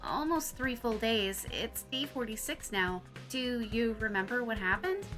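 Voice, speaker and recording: A woman voicing a gentle, caring, guilt-ridden teenage girl while reading a visual novel aloud. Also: fairly high pitch, expressive, unhurried, music in the background. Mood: gentle, hesitant.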